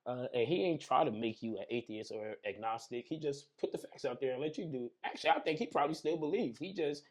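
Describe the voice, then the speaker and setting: Young man, podcast guest, casual chat, slang-heavy storytelling, sound effects, mid-pitched voice. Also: quick pace. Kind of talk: casual conversation over drinks.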